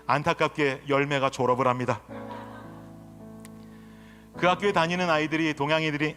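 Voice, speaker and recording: A man's voice: on the high side, pushed and bright. A middle-aged man preaching a sermon as pastor, telling stories with feeling and acting out voices. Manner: storytelling, acts out his daughter's and others' voices, rises to emotional pleading. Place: church sanctuary. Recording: reverberant sanctuary with faint guitar.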